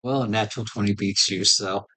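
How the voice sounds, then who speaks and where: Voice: sits low, fairly even intonation, a little fast, bright, forceful tone. Tabletop game master narrating a scene. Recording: livestream group game session.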